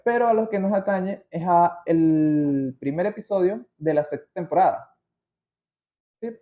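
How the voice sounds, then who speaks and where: A podcast host with a Venezuelan accent and a fairly high, dark-toned voice shares things casually from his notes, slangy and prone to digressions. The recording sounds muffled and roomy.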